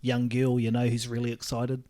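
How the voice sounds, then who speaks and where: A man's voice: medium pitch, completely flat delivery, moderate pace, warm tone. A man with a Kiwi accent chatting casually as a podcast co-host in an agreeable, easygoing way. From New Zealand. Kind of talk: casual chat.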